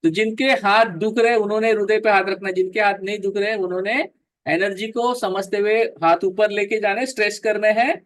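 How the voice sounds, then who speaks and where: A man's voice: high-pitched, steady tone, moderate pace, fairly bright tone. A man leading a guided breathing yoga class, counting breaths aloud, mixing Hindi and English, joking and encouraging.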